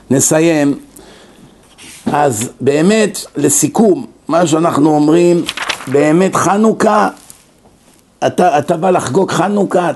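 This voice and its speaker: A man with a fairly high voice preaches at a class, lecturing with lively storytelling. He teases and scolds his listeners with humor. The talk moves between teaching and anecdote. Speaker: rabbi giving a Torah class. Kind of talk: sermon-style lesson with storytelling. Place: class in Brooklyn.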